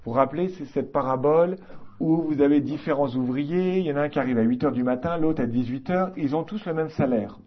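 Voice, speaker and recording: A man teaching a class on liturgy in an informal, halting way, with many fillers and restarts. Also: fairly high pitch, muffled recording.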